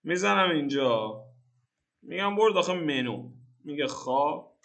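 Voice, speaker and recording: A young man from Iran walks through his code in a casual screen-recorded tutorial. He thinks aloud in slang, cracks jokes and corrects himself as he goes. His voice sits a little high for a man. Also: expressive, gravelly, a bit bright. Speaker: programming tutor.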